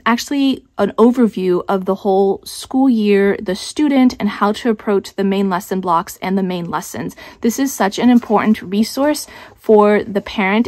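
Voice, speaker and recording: A woman's voice: mid-range voice, darkish tone, dry recording. Chatty woman homeschool host, dry sound. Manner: conversational, thinks aloud with small restarts. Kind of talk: casual explanatory talk.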